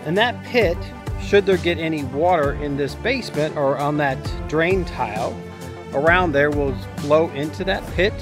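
Music plays behind this man in his fifties as he explains his home build at a moderate pace, his voice on the high side. Standing outdoors at a concrete foundation construction site, he keeps the instructional vlog casual and plain, filmed handheld at arm's length.

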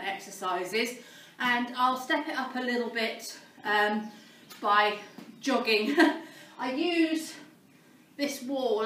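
Woman, out of breath, self-deprecating, bright voice, slow, recorded from afar. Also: on the high side, reverberant, far from the mic, low-quality recording. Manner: self-deprecating, many ums. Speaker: vlogger documenting a fitness start. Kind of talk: casual self-filmed vlog. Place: barn, indoors.

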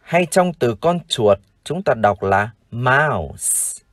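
A man with a Vietnamese accent teaching English vocabulary in a formal, slow lesson style, repeating each word for practice. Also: mid-range voice, animated, no echo. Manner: formal, addresses "dear viewers", repeats words slowly for practice.

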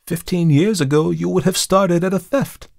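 A man voicing a calm, knowing male visitor who judges a murderer in a measured, coolly insistent way, in a dramatic audiobook reading. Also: sits high, vocal fry, no room sound, studio quality, pitched above the performer's own voice. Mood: accusing.

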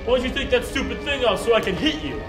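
An actor playing a cocky, mocking teenage bully in a comedy sketch. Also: male voice, very high voice, fast talker, gravelly, a bit bright, faint music behind, full character voice. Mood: defiant. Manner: mocking, brash. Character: cocky teen boy bully.

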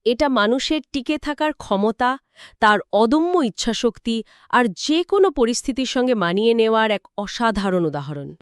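A woman co-hosts a scripted history talk, her voice smooth and resonant and a little high. She is recorded close and dry. She fills in story details and answers her partner with short agreements. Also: expressive, moderate pace, no echo. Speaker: co-host. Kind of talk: scripted two-host history chat.

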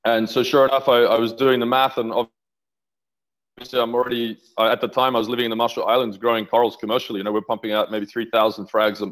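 The recording is rough, carrying a lowish, fairly bright male voice. He's a middle-aged aquaculture researcher being interviewed casually on a video call via headset from his home office, talking enthusiastically and rambling with restarts about his research.

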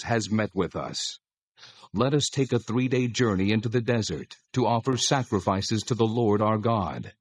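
A man's voice: on the low side, husky, no echo. An actor playing God as a solemn, commanding male deity in a dramatized scripture reading.

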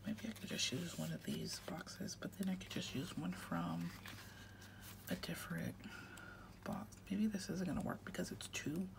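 A woman with a low, gravelly voice chats animatedly at a normal speed while filling out her weekly planner at home. She has a head cold, sounds congested, and often half-whispers through this casual planning vlog.

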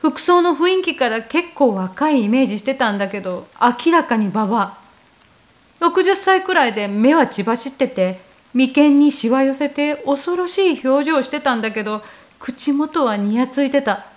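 High-voiced woman narrating a ghost story. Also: expressive, moderate pace. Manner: casual, conversational storytelling. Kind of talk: first-person horror story narration.

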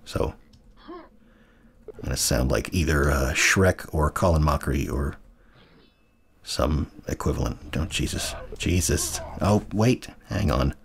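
A man's voice: very deep voice, animated, slow pace, long pauses. An American man in his thirties, hosting a casual let's-play, rambling, correcting himself and chuckling as he plays. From United States. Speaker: gaming channel host.

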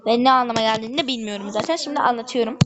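A woman's voice: a little high, very fast, background noise. A woman YouTuber chatting casually while playing a game, with chatty, gossipy, complaining asides. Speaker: gaming YouTuber. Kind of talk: casual gameplay chat.

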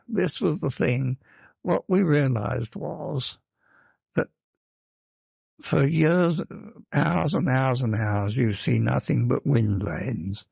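An elderly man recalls his flying days in a slow, gravelly voice with a husky edge. He rambles fondly, circling back with little asides. The sound is close and dry. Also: medium pitch, a little mellow, no echo. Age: older. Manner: chatty, rambling, fond of "you see" and "actually". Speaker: wartime flying boat pilot recalling service. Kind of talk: reminiscing interview.

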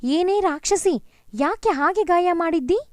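A woman's voice: extremely high pitch, animated, measured pace, a little mellow, dry recording, studio quality. A woman voicing a harsh middle-aged mother who scolds her daughter. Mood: scolding.

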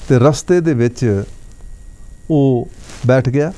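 A man giving a religious talk on TV, telling a parable and chanting scripture lines slowly. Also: mid-range voice, mellow. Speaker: religious speaker. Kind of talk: religious discourse on TV.

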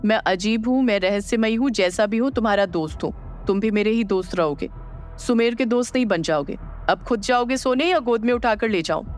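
A narrator voicing a calm, teasing, mysterious young man in an audio drama. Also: mid-range voice, a little fast, faint music behind, natural voice. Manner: cool, unbothered, teasing.

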